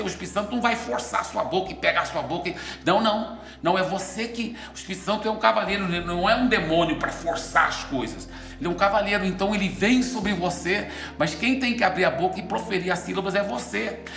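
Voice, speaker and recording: A man preaching and teaching with a glass of water as an object lesson, animated and often checking in with his listeners. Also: high voice, creaky. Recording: echoey room with soft music.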